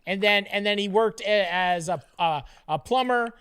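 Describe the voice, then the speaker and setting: A man's voice: high-pitched, normal speed, fairly bright tone, smooth. A man co-hosting a podcast from remote, trading brash, teasing, profane banter in casual chat. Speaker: podcast co-host. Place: remote, not in the studio.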